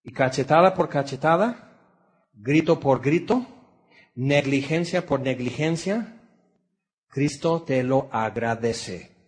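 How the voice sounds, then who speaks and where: Slow and expressive, a Mexican-accented preacher with a mid-range voice pauses often as he delivers his sermon. He alternates between raised and hushed tones, stresses his words, and puts rhetorical questions right to his audience.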